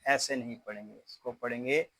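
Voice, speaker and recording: A man with an Urdu accent teaching Quran recitation, spelling each word slowly letter by letter and then explaining the rules. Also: mid-range voice, steady tone, a bit bright, no echo, rough recording. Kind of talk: word-by-word tajweed spelling lesson.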